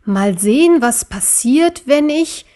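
A woman voicing Ariel, a small, brave male stuffed-toy elk in a storybook, speaking in a calm, thoughtful way. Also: high voice, slow pace.

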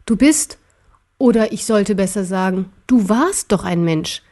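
A woman voicing a brave, angry little male teddy bear in an audiobook, raising her voice high and indignant. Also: animated, a little slow, mellow, close to an everyday voice. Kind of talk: audiobook character voice.

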